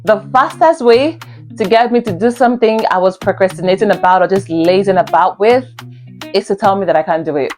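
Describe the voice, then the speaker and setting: Faint music plays as a young woman from Nigeria, with a Nigerian accent, talks earnestly and casually to camera in her first vlog, repeating herself for emphasis. Her mid-range voice is brisk with a darkish tone.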